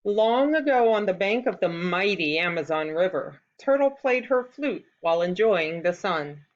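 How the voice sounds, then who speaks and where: On a somewhat dull recording, a woman with a fairly low voice tells a folktale to children, reading with deliberate, expressive care.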